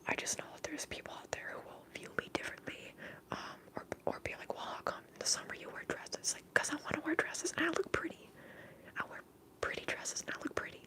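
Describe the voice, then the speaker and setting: A woman's voice: very high-pitched, flat delivery, quick pace. Whispering woman in an ASMR livestream chat. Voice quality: soft breathy whisper. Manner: informal, candid rambling. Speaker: livestream host.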